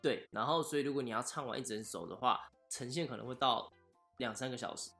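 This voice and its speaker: A man's voice: medium pitch, quick pace, bright, forceful tone, faint music behind. A man, co-hosting a casual podcast chat, chatty and self-mocking. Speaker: podcast co-host.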